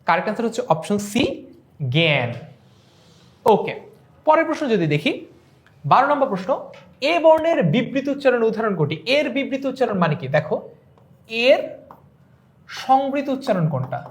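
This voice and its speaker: A woman's voice: on the high side, sing-song, normal speed, long pauses. A woman with a Bangladeshi Bengali accent teaching an online exam revision class, explaining step by step and asking and answering her own questions.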